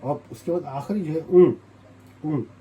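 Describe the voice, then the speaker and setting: A man's voice: fairly high pitch, measured pace, narrow, tinny audio, slight background noise. A man from Pakistan with a Pakistani Urdu accent, teaching a step-by-step writing lesson and patiently repeating each sound as he writes. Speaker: language teacher.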